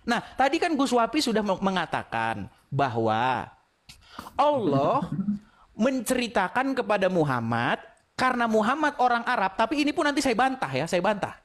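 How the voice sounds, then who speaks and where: A woman's voice: medium pitch, very animated, normal speed. A woman arguing in a live debate, pressing her opponent with rhetorical questions and laughing as she argues.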